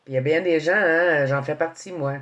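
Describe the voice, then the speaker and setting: A man's voice: on the high side, brisk, a bit bright. A man hosting a radio interview, bantering and laughing easily with his guest. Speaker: radio host.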